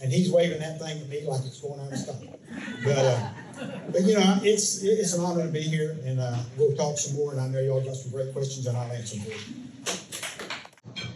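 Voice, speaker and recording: A man's voice: mid-range voice, normal speed. An older man with a Southern US accent, speaking at a candidate forum in a folksy, rambling way full of fillers and restarts. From Polk County, Florida, USA. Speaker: incumbent county commissioner. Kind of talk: campaign speech and forum answer. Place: meeting room at a club event. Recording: echoey room, distant mic, some noise.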